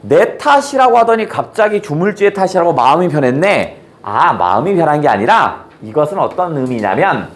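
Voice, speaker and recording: A man's voice: fairly high pitch, very animated, normal speed, few pauses. A man teaching a literature class in a playful, colloquial way with blunt slang. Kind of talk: classroom lecture.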